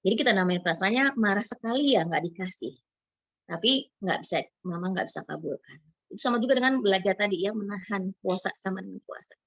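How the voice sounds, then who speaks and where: A woman's voice: medium pitch, lively intonation, quick pace, creaky, no echo. A woman psychologist explaining child development in an online talk, acting out parents and children in little quoted lines. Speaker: psychologist speaker. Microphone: video call. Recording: dull lo-fi video call audio.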